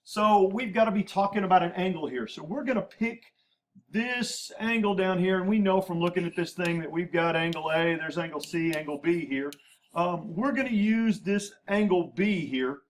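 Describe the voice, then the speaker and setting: His voice sits high and moves at a moderate pace while he teaches math at a whiteboard. Terms get repeated patiently and abbreviations are spelled out, over a faint hiss or hum.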